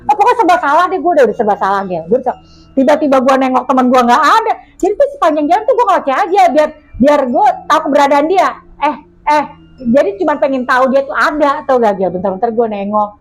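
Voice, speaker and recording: High-voiced woman. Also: fast. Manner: animated, slangy, dramatic retelling. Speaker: guest telling a mystical experience. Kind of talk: casual storytelling chat.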